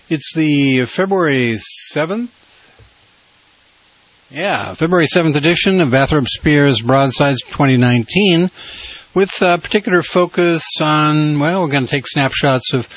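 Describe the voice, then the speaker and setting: A man's voice: medium pitch, dry recording. A man introducing an informal radio show as its host, in a wry, rambling way. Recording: slightly dull lo-fi radio sound.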